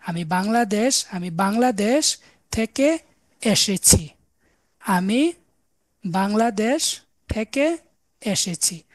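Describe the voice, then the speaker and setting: A woman's voice: mid-range voice, expressive, drawn-out words, long pauses, no echo, clean studio sound. A woman giving a recorded online language lecture, explaining patiently and spelling words out letter by letter. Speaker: language teacher.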